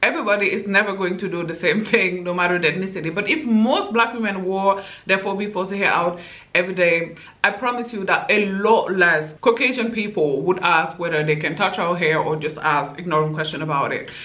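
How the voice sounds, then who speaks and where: A woman vlogger giving her opinion straight to her viewers, blunt and animated. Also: fairly low pitch, fairly quick. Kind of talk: opinion vlog. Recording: echoey room.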